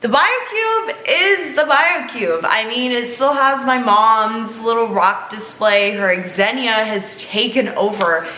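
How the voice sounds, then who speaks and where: A woman's voice: on the high side, animated, slow, few pauses, pushed and bright, echoey room, faint music behind. A young woman with a New Zealand accent, chatting casually and giggling as she answers questions about her reef aquarium at home. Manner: chatty, giggly, lots of fillers. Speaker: reef aquarium channel host. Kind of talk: casual Q&A chat.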